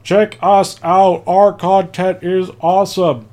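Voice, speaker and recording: Man doing a loud robotic bullhorn voice. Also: high-pitched, level tone, slow pace. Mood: shouty. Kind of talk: podcast aside.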